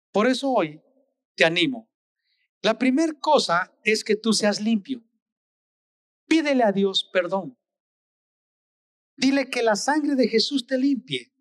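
A man's voice: sits high, a bit bright, no echo, studio quality. A man preaching a sermon in an earnest, exhorting way, repeating phrases for weight.

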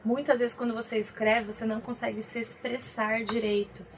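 A woman co-hosting a talk show, talking in a lively, chatty way. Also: on the high side, fairly quick, a little hiss or hum. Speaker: co-host. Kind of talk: casual talk show chat.

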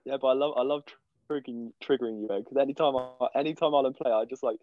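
A man's voice: medium pitch, very fast, no echo. A man co-hosting a casual sports chat, playfully contrarian and rambling. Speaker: co-host. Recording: dull lo-fi audio.

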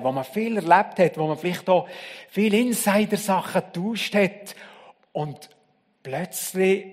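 A man preaching a sermon, telling the story dramatically and swinging from loud to hushed. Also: a little high, long reverb tail.

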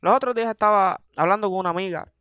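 Animated young Puerto Rican man, high voice. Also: very fast, clear, resonant tone, no room sound, clean studio sound. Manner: animated, exaggerated, self-mocking, slangy. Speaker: podcast host. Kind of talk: comedic monologue.

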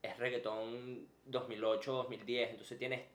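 A man's voice: medium pitch, little pitch movement, measured pace, fairly bright tone. A young man with a Venezuelan accent chats on a podcast in loose, slangy talk, telling stories with plenty of animation. His voice sits in a middle register for a man. The recording carries a noticeable roomy echo. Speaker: podcast co-host. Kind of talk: casual chat.

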